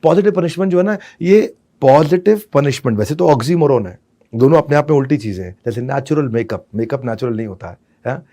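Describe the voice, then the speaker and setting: A man giving a motivational parenting lecture as a business consultant. He talks dramatically, swinging between loud, scolding bursts and soft asides, and drops terms his talk. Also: medium pitch, expressive, quick pace.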